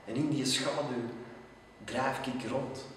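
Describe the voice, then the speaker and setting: Male reciter, Antwerp Flemish accent, slow and theatrical, moves into hushed tones; distant, very echoey outdoor recording. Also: mid-range voice, fairly even intonation, slight background noise. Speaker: poetry reciter. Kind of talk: dramatic poetry recital. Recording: echoey, distant, long reverb.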